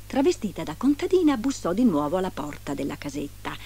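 A woman reading a fairy tale aloud in an expressive storytelling manner. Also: on the low side, brisk, breathy edge.

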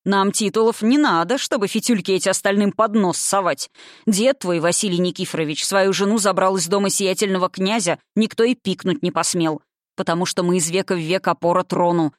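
A woman reading aloud voices a loud, bossy old father, a rough cossack chief. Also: brisk, dry recording, clean studio sound, close to an everyday voice. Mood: blustering. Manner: booming, bossy.

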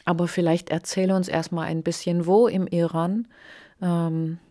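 A woman hosting a radio interview, asking questions in a calm, gentle way. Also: fairly low pitch, unhurried, no echo, clean studio sound.

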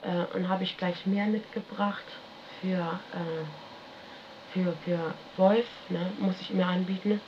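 A woman's voice: lowish voice, fairly even intonation, slow. A woman casually recounting events in a rambling, colloquial way, constantly tagging her sentences with a questioning "ne?". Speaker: interviewee recounting her life. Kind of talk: casual spoken recollection. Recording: dull lo-fi archival radio tape with faint hiss.

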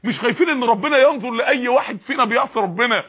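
A man's voice: very high voice, racing, a bit bright, slightly rough. A man with an Egyptian accent preaching a sermon, fiery and full of repeated rhetorical questions.

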